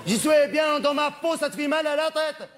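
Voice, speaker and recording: A man's voice: fairly high pitch, expressive, normal speed, crowd noise, background noise, natural voice. A man performing a stand-up monologue as a vain, chatty, flamboyant male cabaret performer who snaps at hecklers. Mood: shouting. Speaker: comedian.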